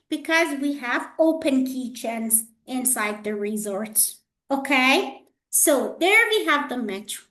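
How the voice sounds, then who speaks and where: A woman trainer teaches a hospitality class in a slow, deliberate way, with a high-pitched voice. She repeats points and keeps asking her students "okay?". The sound bounces around an echoey room. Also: a bit bright. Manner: repetitive, checks in with "okay?" and "guys". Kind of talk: classroom lecture.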